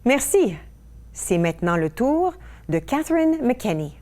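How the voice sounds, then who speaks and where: A woman's voice: a little high, very animated, measured pace, mellow. A woman presenter announcing speakers from a script.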